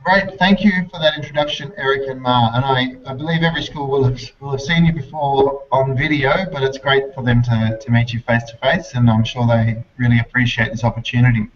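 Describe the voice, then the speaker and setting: A man hosting a live video call for schools, giving formal, measured introductions with frequent pauses. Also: mid-range voice, fairly even intonation, a little hiss or hum. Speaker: host. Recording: distant, muffled video call audio.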